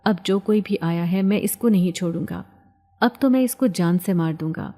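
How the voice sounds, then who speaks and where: A woman doing a taunting, possessive male jinn in a low, mellow voice, read for an audio story. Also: lightly acted. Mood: threatening. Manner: taunting, threatening. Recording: long hall reverb.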